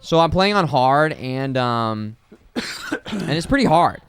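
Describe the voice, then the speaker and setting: A man's voice: mid-range voice, sing-song, takes it slowly, fairly bright tone, smooth, no echo. A man co-hosting a gaming podcast, rambling casually and laughing often. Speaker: podcast co-host. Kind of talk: casual chat.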